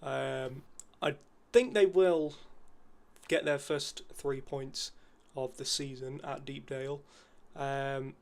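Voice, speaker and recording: A man guesting on a casual football predictions chat, relaxed with frequent ums and uhs. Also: mid-range voice, slow pace.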